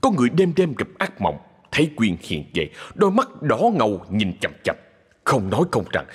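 Husky-voiced man narrating a ghost story. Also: medium pitch. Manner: dramatic, slowing down for suspense. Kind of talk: scripted horror narration. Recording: husky voice in long reverb with music.

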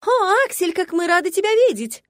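A woman reading an audiobook, voicing a gaggle of young noblewomen who chirp and gush with excitement. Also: very high voice, fast talker, no echo, studio quality, pitched above the performer's own voice. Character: gushing young noblewomen, eager fan club.

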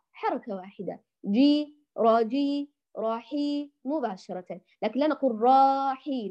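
A woman's voice: medium pitch, warm tone. A woman teaching Quran recitation to women, patiently demonstrating letter sounds and tenderly addressing her listeners as dear ones. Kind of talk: tajweed lesson for women. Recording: dull lo-fi recording.

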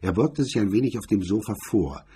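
Very husky, dark-voiced male narrator. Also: lowish voice, a little fast. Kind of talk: scripted narration of a crime story.

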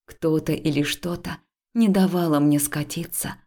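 A woman reading a first-person story aloud, dramatic, slipping into hushed whispers for tense dialogue. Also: low voice, steady tone, a little slow. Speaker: audiobook narrator.

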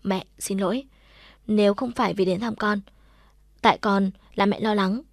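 A woman's voice: mid-range voice, fairly even intonation, normal speed, gravelly, dry recording. Tearful young daughter, pleading, woman narrator voicing, dry close sound. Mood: distraught.

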